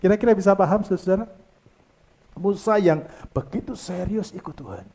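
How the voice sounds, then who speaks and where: Animated pastor preaching. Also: male voice, moderate pace, vocal fry. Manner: calls out to the congregation and leads them in reading aloud; swings from loud exclamations to soft low asides. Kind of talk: lively sermon to a congregation.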